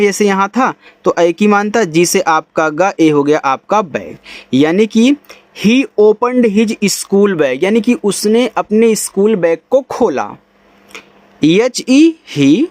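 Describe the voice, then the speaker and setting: A man's voice: sits high, no room sound. A man with an Indian accent teaching English reading, spelling each word letter by letter and then sounding it out. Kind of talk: reading lesson in Hindi.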